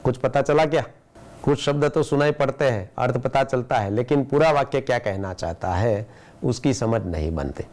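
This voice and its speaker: A man with an Indian accent teaching a school language lesson, explaining patiently and reading example sentences slowly and deliberately. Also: medium pitch, expressive, darkish tone. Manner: explains patiently, with rhetorical questions. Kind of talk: classroom lesson for students.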